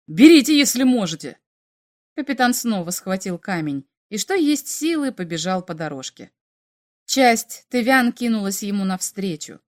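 A woman narrating a story aloud in a lively, animated way. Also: medium pitch. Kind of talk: expressive storytelling.

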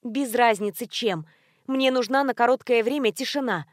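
A woman reading her first-person heroine's lines in an animated, exclaiming way. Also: a little high, moderate pace, no room sound, studio quality, lightly acted. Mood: explaining.

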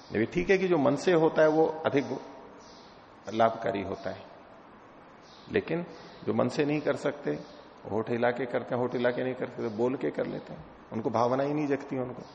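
Gravelly man lecturing in an echoey hall. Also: medium pitch, a little mellow, a little hiss or hum. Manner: explanatory, poses rhetorical questions; chants Sanskrit verses between explanations. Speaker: teacher of scripture. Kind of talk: scripture lecture. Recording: echoey hall, dull lo-fi sound.

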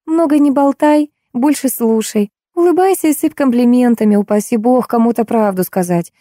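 A woman voicing a brisk, sharp-tongued, gossiping theatre props woman, in a raised voice. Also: a little high, no echo, clean studio sound, voice pushed up, natural voice.

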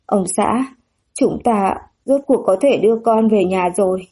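Soft-spoken middle-aged mom, tender and warm-hearted, as a woman reads her, mellow and a little husky. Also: mid-range voice, measured pace. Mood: joyful. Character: gentle middle-aged mother, tearful with relief.

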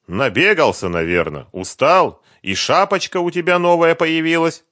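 A man's voice: mid-range voice, animated, a little slow, a bit bright, dry recording, clean studio sound, voice pushed up. A man voicing a scornful, menacing gangster boss in an audiobook, taunting and barking demands. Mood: mocking.

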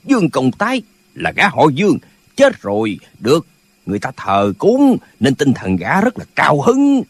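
Male actor playing quarrelsome old martial-arts brothers, husky, dry studio sound. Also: a little high, huge pitch swings, normal speed, no echo, heavily acted. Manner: bickering, pedantic, squabbling. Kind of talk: audiobook character voices.

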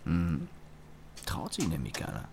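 Against a noisy background, the narrator and lead actor of a German radio drama plays a sardonic young engineer and company employee reflecting on his father. His very low, gravelly voice has lively intonation and is heavily acted. In a bantering mood, he tells the story wryly and deliberately, pausing and correcting himself along the way.

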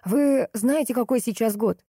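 A woman voicing a practical young man who asks quick, urgent questions. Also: fairly high pitch, warm tone, breathy edge, no echo, clean studio sound, voice pushed up. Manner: brisk, questioning.

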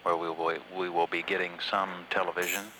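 Very deep, flat male mission announcer. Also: slight background noise, rough recording. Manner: measured, matter-of-fact, halting at times. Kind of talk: public affairs mission commentary.

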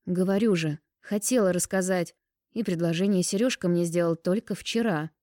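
A woman's voice: on the low side, dark tone, dry recording, clean studio sound, close to an everyday voice. A woman reading an audiobook and voicing a nosy young woman friend who teases, pouts and takes offence easily. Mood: flustered. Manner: teasing, indignant, quick to take offence.

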